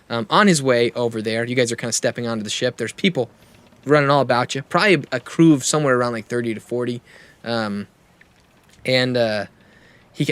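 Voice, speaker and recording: A man narrating a tabletop game as game master, loose and relaxed, with plenty of fillers. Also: mid-range voice, smooth, no room sound.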